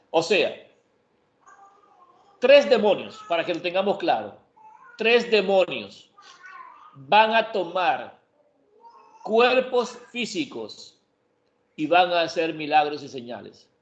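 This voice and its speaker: A man with a fairly high voice teaches Bible prophecy in an emphatic way. He keeps posing questions and then answering them himself. The recording is roomy and slightly muffled. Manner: emphatic, asks and answers his own questions. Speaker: preacher. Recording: echoey room, dull lo-fi sound.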